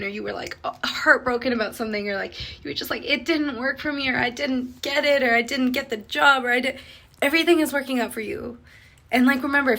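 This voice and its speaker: A woman's voice: fairly high pitch, creaky, a bit bright. A young woman from Sri Lanka who grew up in Canada, chatting reflectively as a beauty vlogger while doing her make-up, full of "like" fillers. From Sri Lanka, raised in Canada.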